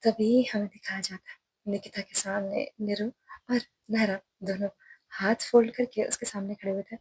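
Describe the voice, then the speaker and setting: A woman's voice: mid-range voice, fairly even intonation, moderate pace, darkish tone, a little hiss or hum, low-quality recording. A woman narrating a romance story in a chatty, conversational way, adding her own comments on the characters.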